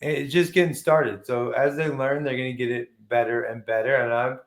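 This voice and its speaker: A man's voice: mid-range voice, fairly even intonation, moderate pace, reverberant. A man hosting a casual chat, joking crudely and swearing a lot. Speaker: podcast host.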